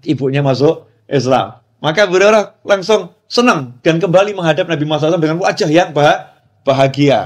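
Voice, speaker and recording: Male preacher, slightly higher voice, relaxed storytelling lecture. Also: fast talker. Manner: casual, repeats phrases, acts out quoted dialogue. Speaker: Islamic preacher. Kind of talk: short religious lecture, storytelling.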